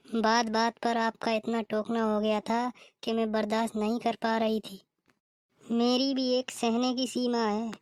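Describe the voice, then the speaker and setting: A woman's voice: on the high side, no echo, studio quality, natural voice. A woman voicing a defiant, fed-up young daughter-in-law in a cartoon. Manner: sharp, complaining. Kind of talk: cartoon voice acting.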